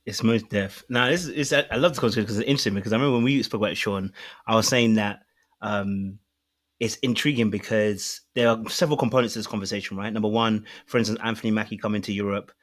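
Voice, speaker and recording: A British man on a discussion panel, laying out his points in a measured, explanatory way with examples. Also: on the low side, steady tone. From Britain.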